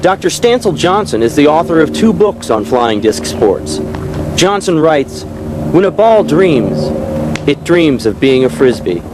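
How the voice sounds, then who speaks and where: Higher-pitched male golf commentator, lively intonation. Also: measured pace, background noise. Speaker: disc golf tournament commentator. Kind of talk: golf-style play-by-play commentary.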